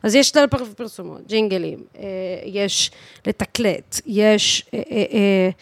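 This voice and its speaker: On a podcast, a singer, DJ and voice teacher aged thirty-one chats with animated emphasis. She has an Israeli accent and a mid-range voice, mixes in slang and English swearing, and the recording carries no room sound.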